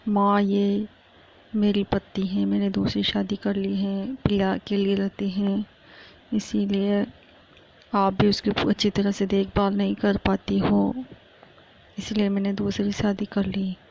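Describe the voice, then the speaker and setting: A woman voicing a father calmly explaining a decision to his mother, on a muffled lo-fi recording. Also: mid-range voice, measured pace, creaky.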